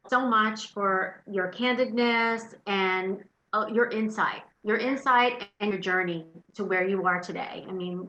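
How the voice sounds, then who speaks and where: A woman's voice: mid-range voice, bright, forceful tone, reverberant. A woman hosting a webinar interview over a video call, effusive and thankful toward her guest. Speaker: webinar host. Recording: dull lo-fi call audio with faint noise.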